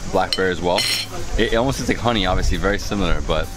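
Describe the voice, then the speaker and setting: Deep-voiced man eating and raving on camera. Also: very fast, over loud music, low-quality recording. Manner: enthusiastic, savoring food with frequent mms. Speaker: food travel vlogger. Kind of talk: casual food vlog narration. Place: outdoor restaurant terrace under a vine pergola. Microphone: camera held at arm's length.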